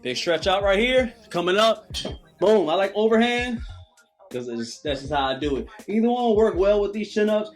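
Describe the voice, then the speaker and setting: A man's voice: high-pitched, lively intonation, normal speed, soft background music. A man in his late thirties coaching a calisthenics workout with emphatic, preachy, repetitive cues. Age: 30s. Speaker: fitness coach.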